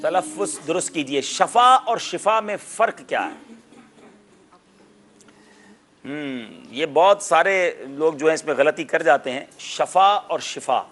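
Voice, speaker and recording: A man hosting a televised quiz with a high, bright, forceful voice. He is lively and teacherly, explaining how words should be pronounced, and he gets loud when he announces a correct answer. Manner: explains word pronunciations like a teacher. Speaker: quiz show host.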